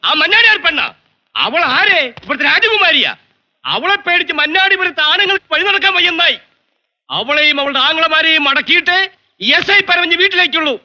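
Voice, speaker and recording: Blustering village cop, bossy uncle type, high bright voice, dull film sound. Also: male voice, animated, normal speed, heavily acted. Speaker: police sub-inspector. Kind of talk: 1990s film comedy acting.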